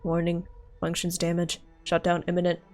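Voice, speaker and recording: A woman voicing a malfunctioning male robot guide that glitches and warns it is about to shut down, in a flat mechanical readout. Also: on the low side, moderate pace, soft background music, lightly acted. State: glitching, warning of shutdown. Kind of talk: reading game dialogue aloud on a livestream.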